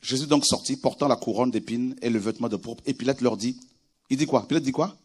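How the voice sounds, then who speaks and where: A man preaching a sermon with animated delivery, moving from quiet scripture reading to shouted exclamations. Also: medium pitch, fast talker, breathy edge. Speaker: pastor.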